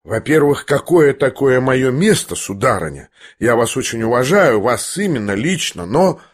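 A man's voice: mid-range voice, big pitch swings, normal speed. A man voicing a sickly young man who talks in a needling, mocking tone. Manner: sneering, needling.

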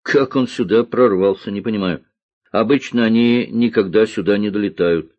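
A man's voice: lowish voice, normal speed, darkish tone, lightly acted. A man voicing a cocky boy pilot-sergeant with an offhand, knowing delivery, in a dull lo-fi recording.

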